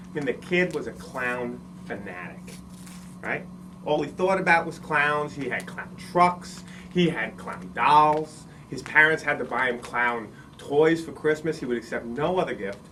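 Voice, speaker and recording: A man telling a long shaggy-dog joke in an animated, drawn-out way, recorded from a distance with faint ambience. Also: medium pitch, noisy background. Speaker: joke teller.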